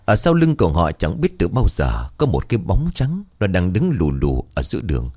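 Low-voiced man telling a ghost story. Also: moderate pace, slightly rough. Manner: dramatic, expressive storytelling. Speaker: narrator.

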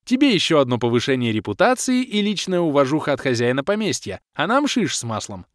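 A man's voice: a little high, sing-song, fast talker, no room sound, clean studio sound, pitched above the performer's own voice. Man doing a brash, mocking young rogue. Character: cocky young male rogue, brash bargainer.

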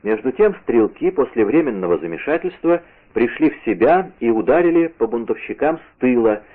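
A man's voice: medium pitch, big pitch swings, normal speed. A man narrating an adventure novel in a vivid, theatrical reading. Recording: tinny lo-fi radio broadcast.

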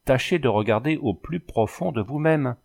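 A man's voice: mid-range voice, lively intonation, moderate pace, creaky, a little mellow, voice pushed up. A man voicing an earnest young husband who keeps pressing his wife with questions. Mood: urging.

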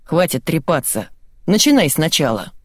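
A woman voicing an exasperated male TV director who keeps yelling at the host, in a dry, close recording. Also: low-pitched, sing-song, normal speed, no room sound. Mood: furious. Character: frantic shouting male TV director.

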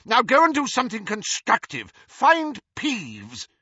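A man's voice: extremely high pitch, huge pitch swings, unhurried, sharp tone, husky, no room sound, highs cut off, pitched above the performer's own voice, heavily acted. A man voicing a stern elderly woman teacher in an audiobook, clipped and authoritative. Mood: fierce.

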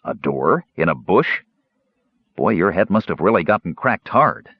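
Storybook warrior: big, gruff and exasperated, blunt and grumbling, with a husky voice, as a male narrator plays him. Dry, dull recording. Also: low-pitched, sing-song, unhurried, dry recording, heavily acted.

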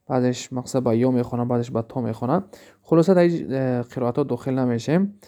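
Tajik-accented male teacher, gravelly, slightly high; slow reading, lots of rhetorical questions. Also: warm tone. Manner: reads Arabic lines slowly, then explains them, with many asides and rhetorical questions. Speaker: Arabic grammar teacher. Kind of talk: recorded lesson explaining a textbook.

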